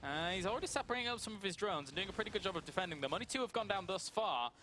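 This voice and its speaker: A man's voice: high voice, animated, very fast, bright, forceful tone, slight background noise. A man co-casting a live strategy game match, agreeing with his partner and adding play-by-play. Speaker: esports co-caster.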